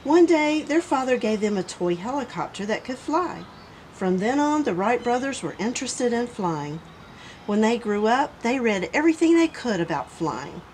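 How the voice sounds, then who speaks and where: A woman reading a children's picture book aloud in an expressive way. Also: fairly high pitch, normal speed, slight background noise, rough recording. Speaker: children's story reader.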